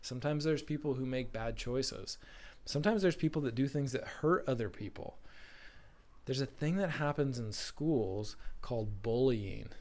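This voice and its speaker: A man's voice: mid-range voice, darkish tone. Friendly man addressing young schoolchildren. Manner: friendly, encouraging, speaks slowly and simply to kids. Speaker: school principal leading a video assembly. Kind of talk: recorded morning assembly talk to young children.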